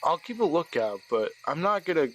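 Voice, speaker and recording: A man's voice: fairly high pitch, sing-song, fairly quick, a bit bright, poor audio. A man talking casually as a player in a tabletop role-playing game, partly in character.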